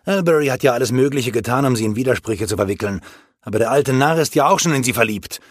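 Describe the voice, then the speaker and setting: A man voicing an agitated young law partner who speaks in a rushed, exasperated way. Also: medium pitch, expressive, husky, no room sound, clean studio sound. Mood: desperate.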